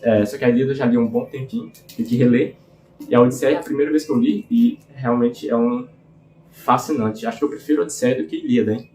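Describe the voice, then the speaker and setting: Guy doing a casual book review, warm mellow voice, lots of filler, echoey room. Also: mid-range voice, a little hiss or hum. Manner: informal, frequent filler tags, earnest enthusiasm. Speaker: book channel host.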